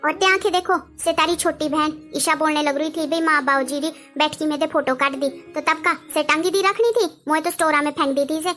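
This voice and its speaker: A woman's voice: sits high, brisk, few pauses, fairly bright tone, soft background music. A woman doing a sarcastic sister-in-law. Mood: taunting. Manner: scolding, sarcastic excuses. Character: sharp-tongued lazy sister-in-law, middle-aged woman.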